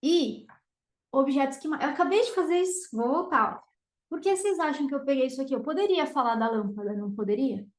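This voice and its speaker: Brazilian woman, communication coach, high bright-pitched voice, emphatic, plays with pauses and loudness, echoey room. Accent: Brazilian Portuguese. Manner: emphatic, varies volume and pauses on purpose. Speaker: communication mentor. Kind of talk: energetic teaching to camera.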